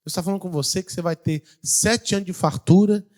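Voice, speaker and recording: Man, Brazilian Portuguese accent, pastor, sermon, call-and-response, loud then hushed, higher voice. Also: fast. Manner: preaching to a congregation with call-and-response questions; swings between loud exclamations and quiet, low passages.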